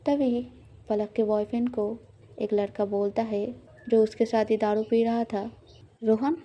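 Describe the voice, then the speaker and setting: Mellow-voiced woman reading an audio story. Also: on the high side, unhurried, highs cut off. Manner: plain, even storytelling. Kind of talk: scripted audio story narration.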